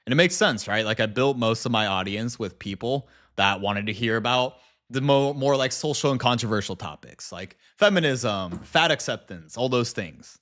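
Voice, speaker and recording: A man's voice: mid-range voice, animated, moderate pace, fairly bright tone. A man livestreaming in a casual chat with viewers, speaking informally with slang and some swearing. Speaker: live streamer and video creator.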